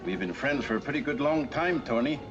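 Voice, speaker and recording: An actor playing a loyal working-class police partner with ungrammatical plain talk in a 1940s film noir style. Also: male voice, medium pitch, lively intonation, fairly quick, over music, natural voice. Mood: concerned. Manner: folksy ungrammatical tough talk. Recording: dull old film soundtrack.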